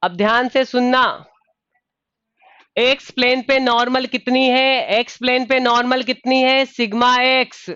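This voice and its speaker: A man with a high, smooth voice teaches a live online engineering class, calling on students by name and addressing them as dear. He keeps his delivery steady and even in pitch, and patiently repeats his questions. The sound is dry and a little dull, lo-fi. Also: measured pace, no room sound. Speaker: online exam tutor.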